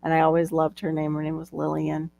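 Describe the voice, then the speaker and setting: This middle-aged livestream host chats casually from home and laughs a lot, heard through a video-call microphone. She talks fast in a deep, monotone voice that is creaky yet mellow.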